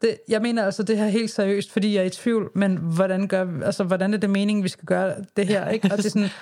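A woman's voice: mid-range voice, fairly even intonation, mellow. A Danish-accented woman co-hosting a podcast in casual conversation, with a wry, self-deprecating way of talking. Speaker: podcast co-host. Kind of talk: casual chat.

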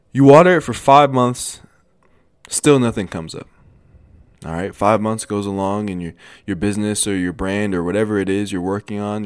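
A man's voice: on the low side, no echo. Young man telling a motivational story. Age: 20s. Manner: animated, repetitive, lots of restarts. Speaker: motivational vlogger.

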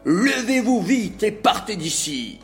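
A man voicing a proud, wealthy host who shouts angrily at an unwanted guest. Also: high-pitched, big pitch swings, slow, faint music behind, pitched above the performer's own voice, full character voice. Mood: furious. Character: wealthy furious male host, proud and harsh.

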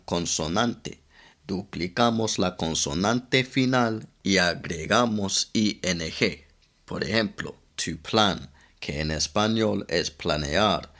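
Slow, deep-voiced man teaching English grammar. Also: fairly bright tone. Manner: slow, methodical, spells out letters one by one. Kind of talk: scripted grammar lesson.

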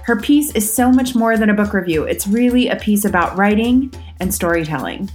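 A woman hosts a podcast with an even, mid-pitched voice. She delivers the news and asks her questions in a measured, articulate way, with faint music under her. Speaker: podcast host. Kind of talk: podcast news roundup and interview.

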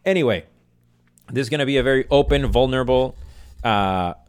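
A man's voice: medium pitch, brisk, clean tone, dry recording, studio quality. A man hosting a casual, unscripted solo fan podcast, speaking in an emotional and passionate way. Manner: emotional, feelings-led, passionate delivery. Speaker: podcast host.

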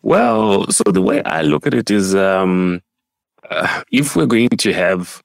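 Man, from Africa, co-host, very low voice, measured, fillers, dry sound. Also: very animated, vocal fry, no echo. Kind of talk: casual discussion.

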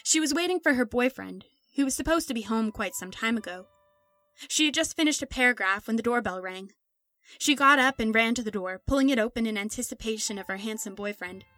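A woman narrating a scripted story in a steady, measured reading voice. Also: fairly high pitch, no echo, soft background music.

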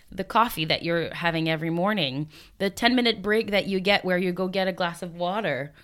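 A woman's voice: lowish voice, fairly bright tone. A woman in her thirties hosting a solo podcast, talking in a chatty, reflective way and laughing now and then. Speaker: podcast host. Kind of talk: casual solo podcast talk.

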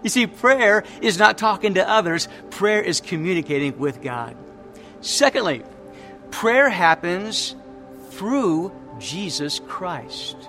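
A man's voice: sits high, sing-song, slow, pushed and bright, soft background music. A man preaching a sermon, emphatic and repeating his key phrases as he tells stories. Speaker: pastor.

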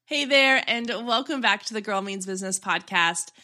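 A woman hosting a solo podcast in casual chat, congested and a little nasal from allergies, talking in quick run-on asides. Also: medium pitch. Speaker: podcast host and business coach.

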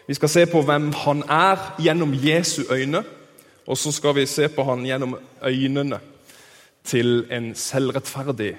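A male preacher tells Bible stories in a lively, engaging way. His voice sits fairly high and carries a long hall reverb. He often turns to his listeners with questions. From Kristiansand, southern Norway. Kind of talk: storytelling sermon.

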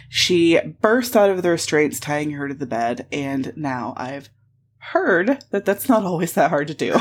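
A woman co-hosting a podcast in casual chat, telling stories animatedly with frequent laughs and swearing. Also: deep voice. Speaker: podcast co-host.

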